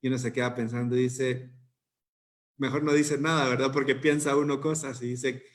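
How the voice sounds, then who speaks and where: A man's voice: mid-range voice, level tone, moderate pace. A man preaching a youth service sermon, conversational and full of rhetorical questions.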